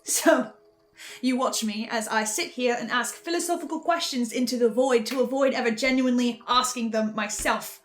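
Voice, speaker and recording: In a natural, slightly high voice, a woman voices a hungry, obsessive, tormented archivist for her horror listen-along series. The desperate, agitated confession is addressed directly to the listener and comes out halting and theatrical, lurching from whispers to outbursts.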